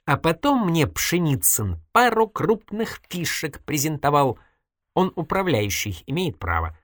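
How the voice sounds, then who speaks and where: A man's voice: a little high, big pitch swings, measured pace, fairly bright tone, no room sound, clean studio sound, voice pushed up. A reader voicing an evasive, wisecracking male journalist in an audiobook, ironic and mock-innocent. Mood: wry. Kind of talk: audiobook character voice.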